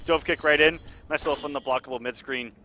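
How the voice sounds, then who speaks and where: Guy casting a fighting game live, kinda high voice, excitable n informal, music going behind him. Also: quick pace. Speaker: esports commentator.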